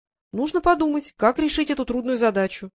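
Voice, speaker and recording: A domineering elderly duchess lays down the rules to her niece in firm, decisive phrases, as a woman reads her part. The voice is dry and close, with no room around it, and the delivery is slow and deliberate. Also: high-pitched, expressive, no room sound, pitched above the performer's own voice. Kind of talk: audiobook character reading.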